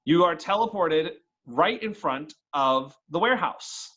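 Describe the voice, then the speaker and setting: Guy dm'ing a dnd session, kinda high voice, dull lo-fi sound, keeps restarting his sentences. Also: expressive, a little slow, bright, forceful tone. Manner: casual, restarts phrases. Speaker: dungeon master. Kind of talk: narrating a tabletop game.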